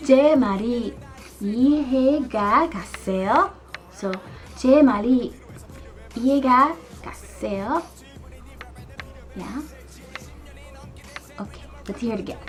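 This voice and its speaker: A woman teaching everyday phrases in a casual vlog, animated and acting out little scenes with frequent laughs. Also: high voice, normal speed, long pauses, soft background music. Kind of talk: casual language lesson vlog. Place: living in Korea.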